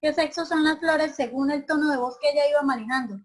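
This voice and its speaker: A woman's voice: high voice, fairly quick, rough recording. A woman teacher giving an online class. She asks her students many questions and often checks whether they agree.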